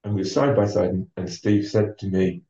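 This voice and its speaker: A low-voiced man tells a long story at an easy pace as an interview guest, stopping often on ums and restarts. His voice sounds mellow and a little distant. The recording is dull and roomy. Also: steady tone. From North East England. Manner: measured, with many ums and restarts. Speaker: interview guest, former marathon runner. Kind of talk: relaxed storytelling.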